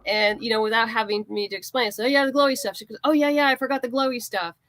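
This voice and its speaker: As an interview guest, a woman who writes explains her creative work informally, telling anecdotes and quoting exchanges in conversational answers. Her voice is a little high, fast, and slightly bright, with no echo.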